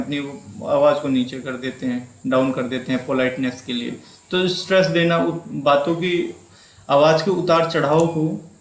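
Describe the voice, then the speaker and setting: A male teacher with a Hindi accent giving an exam-prep lecture, repeating key terms and asking and answering his own questions while mixing English words into his talk. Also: on the high side. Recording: echoey room.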